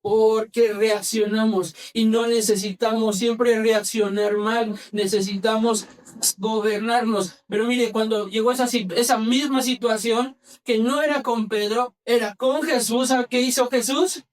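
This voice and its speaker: A male pastor preaching in church, quizzing the congregation and having them repeat phrases back, moving between brisk and slow, soft delivery. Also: high-pitched, fairly even intonation, recorded from a distance. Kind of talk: sermon.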